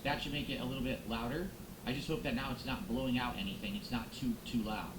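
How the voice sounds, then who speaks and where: On a close XLR microphone in an echoey, noisy room, a man with a mid-range voice speaks fast. He's live streaming, chatting with viewers, thanking them, and musing aloud as he goes.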